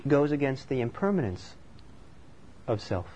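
A man's voice: mid-range voice, very animated, a little slow, mellow. A man from Norway giving a thoughtful, conversational dharma talk as a meditation teacher. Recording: slightly dull recording with faint background noise.

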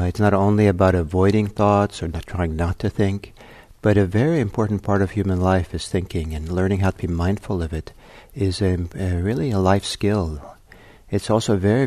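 Low-voiced, gentle meditation teacher. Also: male voice, no room sound. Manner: gentle, unhurried, many soft fillers. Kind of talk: dharma talk leading into guided meditation. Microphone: computer livestream setup.

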